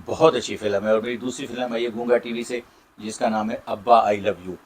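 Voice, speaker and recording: A man's voice: mid-range voice, steady tone, a little hiss or hum. Middle-aged man with a Saraiki accent, grateful and chatty. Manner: warm, grateful, talks at length with many pauses. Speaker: Saraiki drama and film actor. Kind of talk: casual interview answers.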